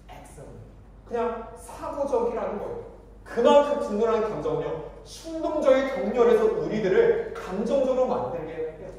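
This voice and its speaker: A young man preaching to a church youth group, lively and questioning, acting out quoted voices. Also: high-pitched, a little hiss or hum. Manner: animated, acts out quoted voices, asks the congregation questions. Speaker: youth pastor. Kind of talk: sermon. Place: church hall. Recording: echoey church hall, mic from far off.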